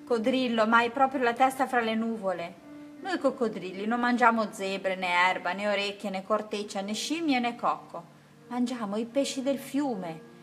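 A watchful mother crocodile from a picture book speaks steadily, gently correcting her child, read by a woman in her usual voice. Soft music plays faintly behind. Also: a little high, normal speed, natural voice. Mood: calm.

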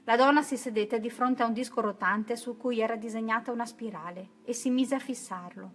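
A woman narrating a children's picture book, reading aloud in an expressive, even-paced way. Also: on the high side, brisk. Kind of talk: children's story read-aloud.

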